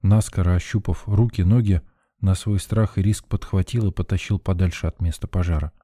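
A man's voice: low voice, fairly even intonation, brisk, warm tone, no echo, clean studio sound. A man reading a first-person story in a tense, urgent narrating voice. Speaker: audiobook narrator.

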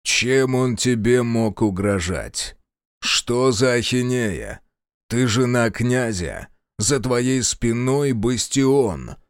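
Man voicing an icy, commanding prince-mage, measured slow speech, audiobook, dry close sound. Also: medium pitch, animated, smooth, dry recording. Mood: stern. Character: stern, icy male prince and archmage.

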